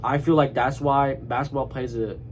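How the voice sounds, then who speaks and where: A man's voice: medium pitch, steady tone, moderate pace, a little hiss or hum, rough recording. A young man from Iraq, a student giving an informal, rambling class presentation about himself with frequent fillers and restarts. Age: young adult. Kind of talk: casual spoken class presentation.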